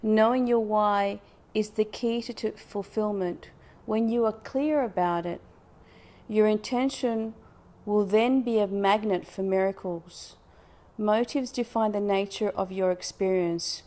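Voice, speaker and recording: A woman with a medium-pitched voice gives an oracle card reading in the manner of a fortune teller. She speaks to live viewers in a reflective, spiritual way, wandering between the wording of the cards and her own thoughts. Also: steady tone, a little slow, mellow. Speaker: oracle card reader hosting a live session.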